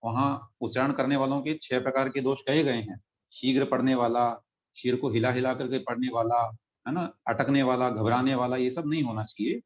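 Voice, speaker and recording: A man teaching a religious text in an online class, patiently explaining pronunciation and slowly chanting verses. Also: medium pitch, fairly even intonation. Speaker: scripture teacher. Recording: dull lo-fi audio.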